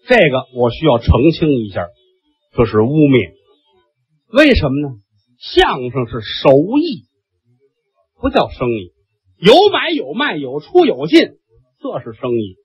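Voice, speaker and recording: A man opening a comic monologue in a husky voice, chatting and asking rhetorical questions. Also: fairly high pitch, huge pitch swings, unhurried, pauses often. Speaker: comic storyteller. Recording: dull lo-fi recording with faint music.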